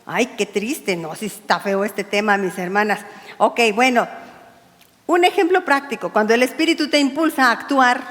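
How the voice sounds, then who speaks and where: Una mujer con acento mexicano que enseña un estudio bíblico para mujeres en tono conversador y con humor. Dramatiza diálogos y pregunta a menudo "¿verdad?". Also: female voice, medium pitch, a bit bright, big-room sound. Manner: chatty and humorous, acts out dialogues, asks "¿verdad?". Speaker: pastor's wife teaching a women's Bible study. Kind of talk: women's Bible study sermon. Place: church hall.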